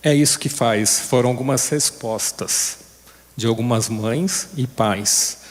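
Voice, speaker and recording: A man giving a conversational sermon to a recovery group, often turning to his listeners with questions. His pitch sits in the ordinary male middle. The long reverb of a church hall trails after his words. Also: slow. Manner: conversational, asks the audience questions.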